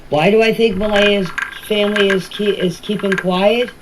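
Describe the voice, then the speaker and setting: Speaking about a case as a family member, this older Maritime Canadian woman uses a mid-range, steady voice at a moderate pace. She replies casually, frequently restating and rewording things, over a noisy, clicky amateur recording.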